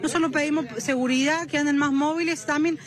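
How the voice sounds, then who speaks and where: Fast, high-voiced Argentine woman. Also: fairly even intonation. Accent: Argentine, Córdoba. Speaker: neighbourhood protester, interviewee. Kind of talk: street interview. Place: crowded street at night. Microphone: reporter's handheld microphone.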